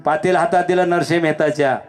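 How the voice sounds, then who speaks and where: A man preaching a devotional kirtan sermon, telling a story with animated delivery that swings between loud calls and hushed lines. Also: a little high, fast, faint music behind. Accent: Marathi. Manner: animated, shifts between shouting and hushed lines, acts out characters.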